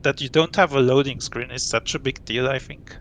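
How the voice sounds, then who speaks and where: A man from Switzerland in his late thirties, a guest speaking casually and thoughtfully, pausing to recall details and laughing often. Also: medium pitch, fairly even intonation, a bit bright, a little hiss or hum. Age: late 30s. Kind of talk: casual interview.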